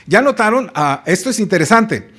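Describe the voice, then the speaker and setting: High-voiced preacher, emphatic. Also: male voice, big pitch swings, moderate pace, a bit bright. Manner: emphatic preaching, calls listeners beloved brothers, frequent rhetorical questions. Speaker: pastor. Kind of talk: sermon.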